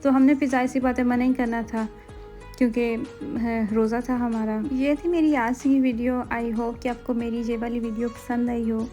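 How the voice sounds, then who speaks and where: A woman in her thirties from Pakistan with a Pakistani Urdu accent, narrating her family shopping trip in a casual vlog voice-over and often pausing to search for words. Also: on the high side, little pitch movement, dark tone, soft background music. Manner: chatty, rambling with frequent hesitations. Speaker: vlogger.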